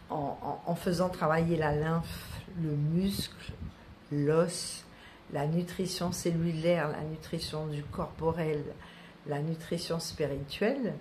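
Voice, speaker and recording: Low-voiced woman from French Guiana. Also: a little mellow. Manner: rambling, with many hesitations and repeated words. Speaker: massage and wellness practitioner. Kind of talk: casual talk to viewers. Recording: faint background noise.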